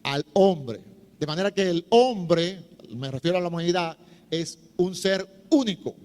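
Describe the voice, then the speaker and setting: A man's voice: sits high, a little slow, darkish tone, big-room sound. A middle-aged man preaching a teaching talk in a chatty, humorous way, acting out little voices as he goes. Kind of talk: sermon-style teaching talk.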